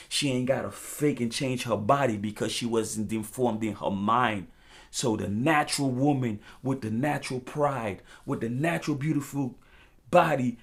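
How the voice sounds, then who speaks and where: In a mid-range voice, a talk show host from the United States delivers a fiery, freestyle sermon-like monologue. He uses profane street slang, hammers points through repetition, and drops loose rhymes.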